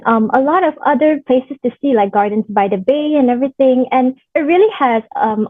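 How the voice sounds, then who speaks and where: A woman in her twenties from Singapore, a guest answering interview questions politely, with small pauses. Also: a little high, no echo. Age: 20s. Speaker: guest, pageant contestant. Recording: tinny phone-like line.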